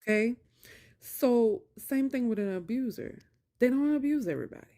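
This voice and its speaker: Speaking at normal speed in a fairly high, expressive, mellow voice, a woman shares a personal story with her viewers about narcissistic abuse. She keeps it colloquial and casual, stressing points emphatically by repeating phrases.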